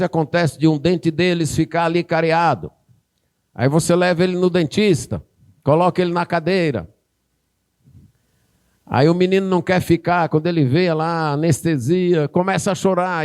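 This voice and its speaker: A man's voice: on the high side, darkish tone. A man with a Northeastern Brazilian accent, a pastor preaching a sermon, who acts out a parent and child in a raised voice.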